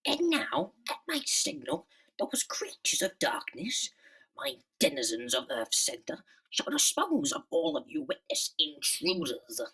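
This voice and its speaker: A man voicing a bitter, megalomaniac underground comic-book villain in a slow, theatrical, menacing monologue with a whispery rasp. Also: very high voice, wildly swooping pitch, pushed and bright, distant mic, voice pushed up, heavily acted, rough recording. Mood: gloating. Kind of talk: dramatic comic-book reading.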